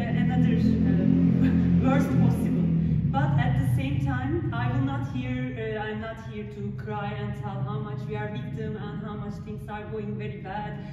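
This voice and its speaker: A woman's voice: on the high side, muffled recording, heavy background noise. Turkish-accented woman lecturing in an echoey hall. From Turkey. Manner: halting, many filler sounds, earnest. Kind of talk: public lecture to a gallery audience. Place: art gallery. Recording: echoey gallery hall from far off.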